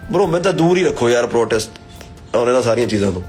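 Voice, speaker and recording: Man, casual, dismissive, mid-pitched voice, slangy. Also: expressive, fast talker, darkish tone, soft background music. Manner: dismissive, casual, says "bro" often. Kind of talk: offhand interview remark.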